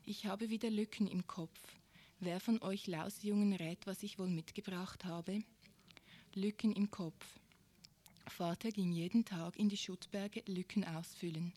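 A woman giving a measured, expressive literary reading. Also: mid-range voice. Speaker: reader.

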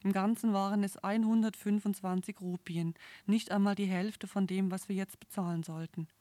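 A woman reading a novel aloud in the first person with steady, earnest storytelling. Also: medium pitch, moderate pace, no echo. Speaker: audiobook narrator.

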